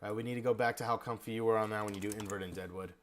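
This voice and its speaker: A man giving feedback in a drum lesson, energetic and explaining technique while singing the rhythms aloud. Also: lowish voice, very fast, a little hiss or hum.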